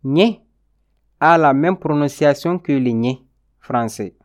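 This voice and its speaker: A man teaching a language lesson, reading letters and word pairs slowly and deliberately, one by one. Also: on the high side. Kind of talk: slow instructional reading of word lists.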